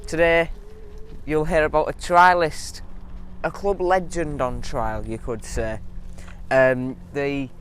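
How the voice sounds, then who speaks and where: Young guy vlogging outside, voice a bit high, lispy like he's got a retainer in, some engine noise behind. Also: steady tone, slow pace, a bit bright. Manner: lisping, slurred talk from wearing a retainer. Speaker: football vlog host. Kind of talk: casual vlog to viewers. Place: outdoors. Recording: outdoor noise, vehicles, passing grass cutter. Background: traffic-like outdoor noise, grass cutter.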